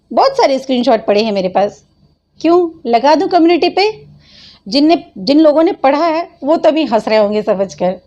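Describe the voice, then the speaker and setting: A high-pitched woman hosts her channel and scolds, tuts and mocks the people she reacts to, breaking into laughter often. Her voice is mellow and dark in tone despite its height, and the recording sounds dull and lo-fi. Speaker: channel host. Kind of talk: mocking reaction commentary.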